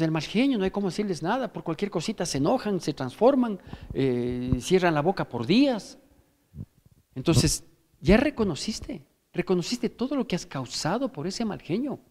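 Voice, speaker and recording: A man's voice: high voice, darkish tone, long reverb tail. A male pastor with an Ecuadorian Spanish accent preaching a firm, exhorting sermon, often restarting and asking "¿sí?". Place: church hall.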